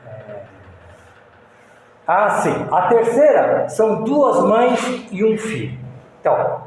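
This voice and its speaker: A man's voice: sits high, a little mellow. A man with a Brazilian accent giving a folksy moral lecture at a spiritist center, telling stories with many restarts. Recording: echoey hall, faint room noise.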